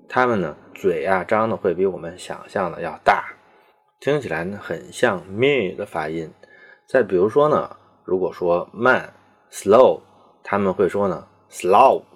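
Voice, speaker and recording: A man giving a measured, explanatory lecture, pausing often on fillers and slowing down to demonstrate English words. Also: low-pitched, husky. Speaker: video lecturer on English accents.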